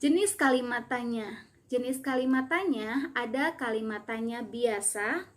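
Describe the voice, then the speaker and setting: A woman's voice: on the high side, unhurried. Patient woman teacher explaining grammar. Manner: patient explaining, reads example questions aloud. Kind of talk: remote class lesson.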